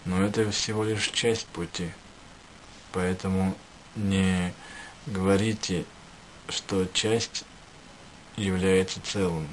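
A man giving a spiritual address to listeners, speaking in measured short phrases with pauses. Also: low voice, fairly even intonation, a little hiss or hum, poor audio. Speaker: spiritual teacher.

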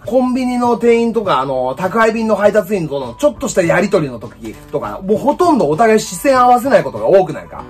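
A Japanese man giving a brash, rough-talking comedic English lesson as a bossy teacher. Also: high-pitched, a little mellow. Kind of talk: comedic lecture to camera.

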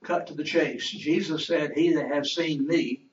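A man's voice: on the high side, fairly even intonation, unhurried. Man teaching a Bible class, from afar. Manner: asks the class questions and waits for answers. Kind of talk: interactive Bible lesson. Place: church classroom. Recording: roomy, distant, dull church recording.

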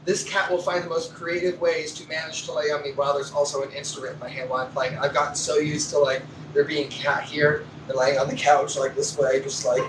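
A man's voice: fairly high pitch, flat delivery, fairly quick, few pauses, noisy background. Joking man on a roomy live stream. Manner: joking, swears freely, breaks into song. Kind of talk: casual live-stream chat. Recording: roomy sound from a distance, music playing.

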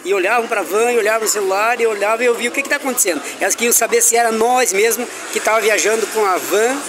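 Amid background noise, a high-voiced man speaks quickly while filming himself at an indoor farmers' market. The travel vlogger's casual chat is cheerful and talkative, with vendors and children joining in and religious exclamations slipping out.

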